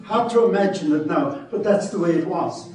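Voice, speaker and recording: A man's voice: high voice, expressive, moderate pace, dark tone. A man in his seventies with a West of Ireland accent, giving an informal talk as a wry, self-deprecating storyteller and preacher. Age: 70s. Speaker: retired mission priest, guest speaker. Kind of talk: informal public talk with anecdotes. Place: large echoey room before an audience. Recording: echoey hall, distant microphone.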